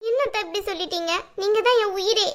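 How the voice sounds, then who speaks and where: A woman's voice: very high-pitched, fast talker. A woman voicing a scheming young woman in a cartoon drama, who coaxes and pleads sweetly. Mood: sugary pleading.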